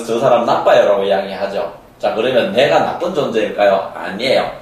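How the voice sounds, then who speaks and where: Animated man lecturing in an echoey room. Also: mid-range voice, distant mic. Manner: emphatic, repetitive, acts out quoted voices. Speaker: lecturer and counselor. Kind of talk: spoken lecture on human nature.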